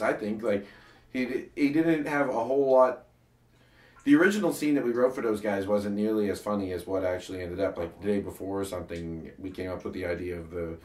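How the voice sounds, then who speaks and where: A man with a lowish voice chats casually about his comedy web series and keeps restarting his sentences. He sounds set back from the mic in a roomy, echoing space. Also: a little mellow, far from the mic. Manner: rambling, restarts sentences often. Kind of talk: casual chat. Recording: echoey room, voice a bit off-mic.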